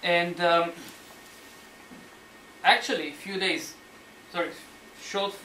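A man lecturing on history as a story, animated and sometimes searching for words, acting out the quotes. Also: sits high, slow. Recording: roomy hall, mic at a distance, faint noise.

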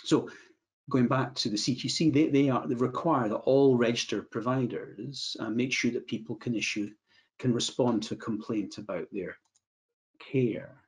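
Middle-aged Scottish male adviser, measured webinar talk over video call, restarts phrases. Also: medium pitch. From Scotland. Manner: measured, repeats words when restarting phrases. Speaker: medico-legal adviser. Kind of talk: webinar presentation. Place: indoor room, video call.

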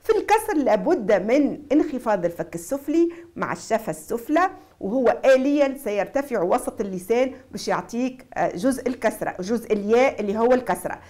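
Tunisian woman, fairly high voice, recitation teacher who explains the rules and then drags each syllable out slowly. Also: animated, a little mellow. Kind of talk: TV recitation lesson.

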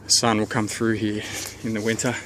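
Filmed on a handheld camera he carries himself, this man muses his way through a tour of his home's renovation, outdoors beneath a deck and out in the garden. His voice sits lowish and level, taking its time with many pauses, ums and false starts, over a noisy background.

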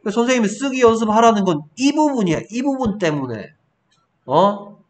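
A man's voice: sits high, slight background noise. A man tutoring a student one-on-one, coaxing and scolding, prodding again and again for an answer. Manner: scolding, repeatedly prompting with "어?". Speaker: English tutor. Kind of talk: one-on-one spelling lesson.

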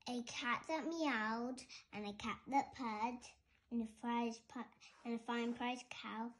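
A teacher reading a picture book aloud at a school assembly, expressive and now and then tripping and restarting. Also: female voice, on the high side, slow. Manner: expressive storytelling with animal noises, some stumbles and restarts.

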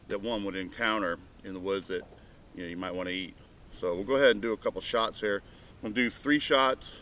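A man's voice: on the low side, a bit bright, slight background noise. A middle-aged man demonstrating a firearm at an outdoor range, explaining in a plain, matter-of-fact way with frequent ums, recorded on a camera mic. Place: outdoor shooting range in open field. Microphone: camera mic on tripod.

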